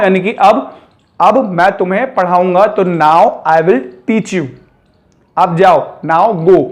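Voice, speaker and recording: A young man teaching English prepositions in a spoken Hindi lesson. He calls his viewers friends, says "theek hai" again and again, and slows down to say each English example clearly. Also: high voice.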